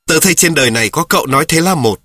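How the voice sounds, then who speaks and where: A stubborn little schoolboy fires back at his friend in a raised, quick, insistent voice, as a man puts him on for a storybook reading. The voice is husky. The recording is dry and close. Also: a little high, animated, pushed and bright, dry recording, voice pushed up. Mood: heated, scornful. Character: feisty schoolboy arguing hotly with his friend.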